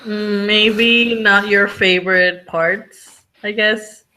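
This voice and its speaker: A woman's voice: mid-range voice, fairly even intonation, slow pace, sharp tone, slight background noise. A woman hosting a live online book discussion, chatting casually and rambling with lots of "like.". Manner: chatty, rambling, says "like" a lot. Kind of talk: casual chat.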